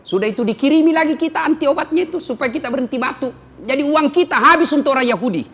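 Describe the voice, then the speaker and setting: Male preacher, high voice, sermon to a gathering. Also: quick pace. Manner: animated, swings from loud outbursts to low asides.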